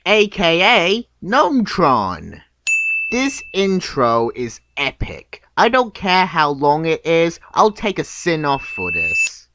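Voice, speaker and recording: A man giving scripted, nitpicking video commentary in a deadpan, sarcastic manner. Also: on the high side, slow pace, hardly any pauses. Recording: clear background noise.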